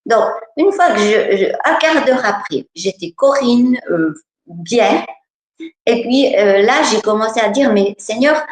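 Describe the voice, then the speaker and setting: A woman's voice: mid-range voice, roomy sound, rough recording. A woman giving a personal testimony, speaking hesitantly with many filler sounds.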